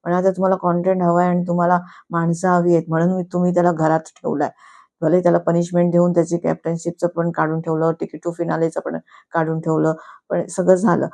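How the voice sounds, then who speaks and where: A woman's voice: fairly low pitch, gravelly, dark tone. A woman giving a casual, chatty review on her YouTube channel, slipping English words into her talk.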